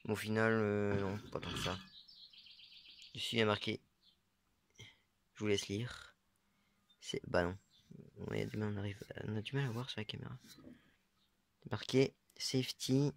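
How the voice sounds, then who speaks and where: A man's voice: on the low side, fairly even intonation, normal speed, creaky, long pauses, a bit bright, a little hiss or hum. A young man casually showing his metal-detecting finds, talking hesitantly with many fillers and unsure asides. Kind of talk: casual show-and-tell vlog.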